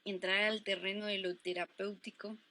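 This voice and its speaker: A woman's voice: mid-range voice, little pitch movement, normal speed, bright, forceful tone. A woman with a Mexican accent interviewing a guest, reflecting aloud with some hesitations. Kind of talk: interview, conversational.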